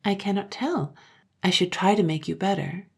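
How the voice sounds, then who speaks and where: A woman voicing a gentle, sorrowful young mother who speaks softly to her children. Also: mid-range voice, moderate pace, creaky, breathy edge. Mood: tender. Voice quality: soft, tender.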